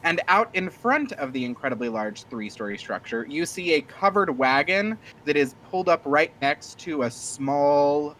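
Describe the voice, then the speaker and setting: A man's voice: mid-range voice, fairly bright tone, a little hiss or hum, rough recording. A man narrating a tabletop game as game master, rambling with many fillers. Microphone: streaming mic.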